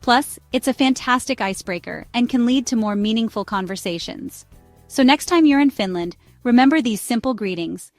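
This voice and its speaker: Bright tutor woman, upbeat and clear, repeats phrases slowly. Dry close mic, faint music bed. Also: on the high side, expressive, no echo. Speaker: language tutor. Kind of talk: scripted travel phrase lesson.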